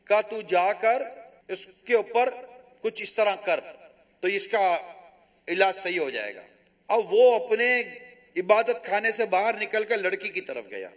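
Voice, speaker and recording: Pakistani preacher guy, high voice, telling a story in a sermon, acts out the lines. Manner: animated storytelling with quoted dialogue. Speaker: religious scholar.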